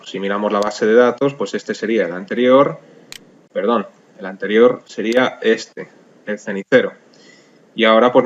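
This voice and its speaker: A man's voice: on the low side, lo-fi sound, a little hiss or hum. A man with a Spanish accent from Spain, patiently explaining a spreadsheet program step by step in a screencast tutorial, with frequent fillers. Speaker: software instructor.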